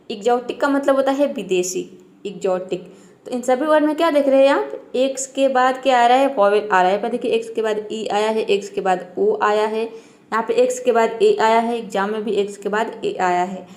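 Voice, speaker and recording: A woman teaching English pronunciation rules, patiently asking and answering her own questions and repeating each word slowly. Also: fairly high pitch. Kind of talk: spoken lesson on pronunciation rules.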